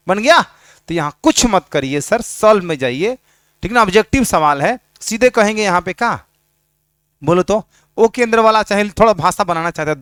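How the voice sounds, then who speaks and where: Male maths tutor, high crisp voice, dry close sound, keeps quizzing the class. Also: fairly bright tone, no room sound. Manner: teasing, questions students constantly. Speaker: maths teacher. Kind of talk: classroom lecture at a board.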